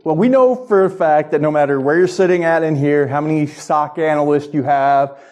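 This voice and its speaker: A man's voice: fairly high pitch, normal speed, a little mellow. Conversational man giving a technical lightning talk. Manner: conversational, checks in with "right?". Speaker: conference speaker, security research director.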